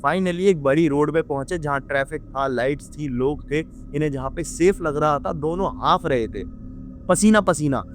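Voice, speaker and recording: A young man narrates a horror story in lively, dramatic Hindi, his voice sitting a little high for a man. He acts out each character's lines, lifting and dropping his pitch sharply and dropping in English words. Faint music plays quietly behind him. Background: faint background music.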